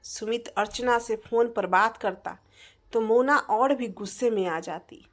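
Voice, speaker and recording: Woman narrator for a scripted family story; expressive, fairly high pitch. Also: measured pace.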